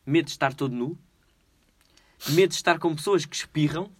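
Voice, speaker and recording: A man with a European Portuguese accent hosting a casual quiz, playful and jokey, slowing down over hard words. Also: a little high, slightly rough, no room sound. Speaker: quiz host.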